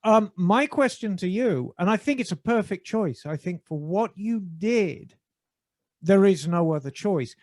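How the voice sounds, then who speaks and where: A man hosting a podcast, asking measured, thoughtful questions in a casual chat. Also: high-pitched, lively intonation, darkish tone, dry recording, studio quality. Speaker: podcast host.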